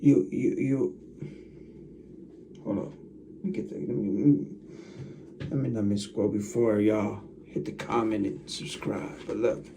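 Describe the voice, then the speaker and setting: This is a casual vlog monologue from an American channel host who addresses viewers head-on, rambling and repeating points. He speaks at a measured pace in a fairly low, steady, warm voice, leaving long pauses. The mic is distant, and there's slight background noise.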